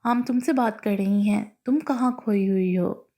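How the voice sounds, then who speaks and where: A calm, caring young woman gently coaxing an upset friend in a storybook, as a woman narrator reads her lines. The voice carries a mellow, slightly gravelly tone. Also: mid-range voice, unhurried, lightly acted.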